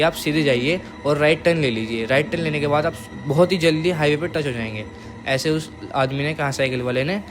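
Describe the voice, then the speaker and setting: A young man tells a spooky tale in a relaxed, chatty way, repeating phrases and sinking to a near hush at the tense moments. His voice sits a little high. A faint noise floor hums behind the recording. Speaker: horror storyteller. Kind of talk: casual spoken horror story.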